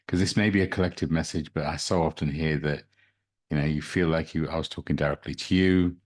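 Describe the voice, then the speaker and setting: A man's voice: very deep voice, fairly even intonation, a little fast. A man hosting a solo podcast as a spiritual reader, talking informally and explaining things directly to the listener.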